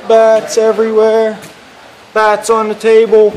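A man with a fairly high voice gives loose, joking commentary as he films himself, the sound caught by a handheld phone. He is inside a big barn, and a faint hiss of noise sits under his voice. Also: monotone, unhurried, a little mellow, rough recording. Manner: joking, laid-back, talks to the camera. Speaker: vlogger filming himself. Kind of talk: casual self-filmed commentary. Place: large indoor barn. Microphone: handheld phone camera.

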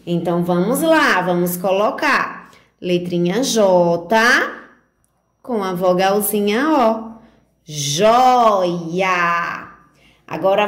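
A northeastern Brazilian woman teaching little ones, stretching each syllable in a gentle sing-song and asking them questions. She speaks very slowly. Her voice rings in an echoey room. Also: on the high side. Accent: Brazilian Portuguese, northeastern. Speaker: preschool teacher. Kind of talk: slow, sounded-out remote lesson for small children. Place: home or classroom recording for remote teaching.

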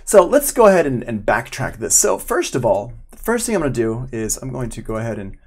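Speaking fairly quickly and with lots of animation, this forties-aged audio instructor has a medium-pitched, somewhat mellow, husky voice. He walks viewers through a live online tutorial step by step in a relaxed, chatty manner, recording on an external desk mic with headphones on.

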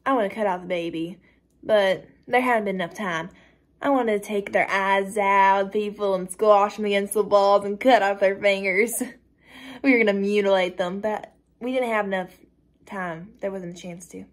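A woman's voice: mid-range voice, normal speed, close to an everyday voice. Woman playing a gleeful cold young cult member. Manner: boastful, coldly matter-of-fact with bursts of excitement. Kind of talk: dramatic script reading.

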